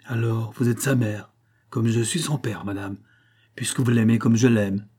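A man voicing a stern male physician-mesmerist who gives firm, measured commands in a storybook reading. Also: mid-range voice, steady tone, a little mellow, husky, close to an everyday voice. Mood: calm.

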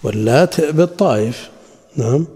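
A man teaching a religious lesson, reading quotations from classical sources and then explaining them in a measured way. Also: medium pitch, animated, dark tone, breathy edge. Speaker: Islamic scholar teaching a lesson. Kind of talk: lecture explaining a classical text. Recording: long hall reverb.

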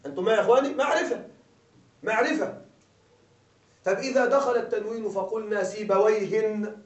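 A man's voice: high voice, distant mic. A man giving a grammar lesson to a class, often repeating questions to check that the listeners follow. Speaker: grammar teacher. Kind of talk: classroom lecture. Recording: echoey dull room sound from afar.

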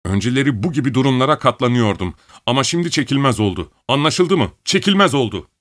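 Man playing shrill angry young guy yelling back at his dad, dry close mic. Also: lively intonation, fast, no echo, natural voice. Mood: defiant. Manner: defiant, shrill shouting.

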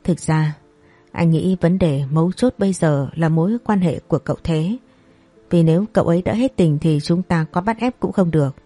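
A woman voicing a calm, thoughtful middle-aged brother-in-law who gives measured advice. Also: on the low side, no echo, faint music behind, natural voice.

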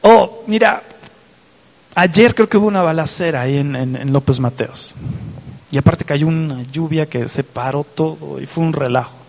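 A man's voice: on the high side, moderate pace, gravelly, a little mellow, in a large hall. A man preaching a fervent sermon, reading scripture aloud and asking his listeners direct questions. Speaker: pastor.

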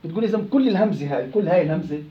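A man's voice: high-pitched, animated, very fast, echoey room, lo-fi sound, crowd noise. A man with a Levantine Arabic accent teaching Quran recitation rules in an interactive class, questioning and prompting his students.

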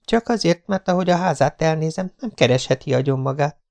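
A man voicing an anxious, curious young female journalist in an audiobook, lifting his voice high and softening it. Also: gravelly. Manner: raised falsetto-like pitch, softer delivery.

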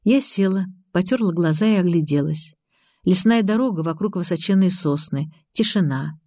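A woman reading a novel aloud as an audiobook narrator, in calm, measured scripted narration. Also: on the low side, no echo.

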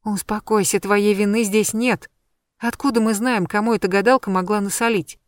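A woman's voice: mid-range voice, fairly even intonation, moderate pace, dry recording, clean studio sound, natural voice. A woman voicing a frightened young heroine who stammers and speaks agitatedly. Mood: consoling. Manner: stammering, agitated, shouting and whispering.

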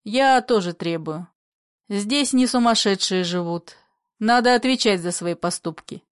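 A woman doing a calm firm young man. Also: mid-range voice, dry recording, studio quality, close to an everyday voice. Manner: calm and measured. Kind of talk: play reading.

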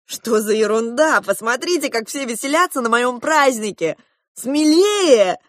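A woman reading aloud, voicing an excited, headstrong eleven-year-old girl in high, loud exclamations. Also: a little slow, no echo, studio quality.

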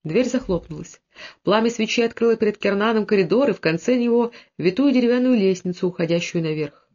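A man reading a historical novel aloud in steady storytelling narration, dropping his voice lower for the characters' lines. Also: brisk, highs cut off. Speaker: audiobook narrator. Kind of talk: scripted narration.

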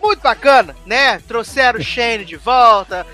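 A Brazilian man co-hosting a podcast, giving an animated, mocking recap of a TV episode in casual chat. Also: extremely high pitch, unhurried, soft background music. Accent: Brazilian Portuguese. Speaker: podcast co-host.

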